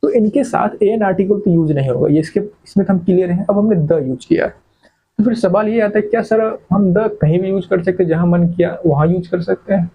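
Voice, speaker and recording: A man's voice: high voice, fairly quick, slightly rough, muffled recording. A man teaching English grammar in a classroom-style lecture, often asking a question and then answering it himself. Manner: asks questions and answers them himself, repeats key words.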